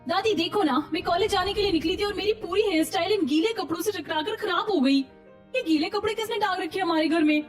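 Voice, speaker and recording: A woman's voice: high-pitched, animated, brisk, a little mellow, far from the mic, faint music behind. A woman doing a whiny young college girl. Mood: exasperated. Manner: whiny, exasperated.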